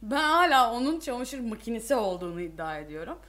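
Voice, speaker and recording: Young woman podcast co-host, kinda high voice, laughing a lot while telling her side. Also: big pitch swings, fast, fairly bright tone. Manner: laughing, self-defending storyteller. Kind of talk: casual chat.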